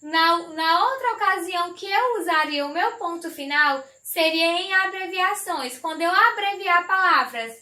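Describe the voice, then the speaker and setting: A woman's voice: very high voice, a little slow, hardly any pauses, pushed and bright, reverberant. A woman teacher giving an online grammar lesson, affectionate and explaining step by step with many repetitions.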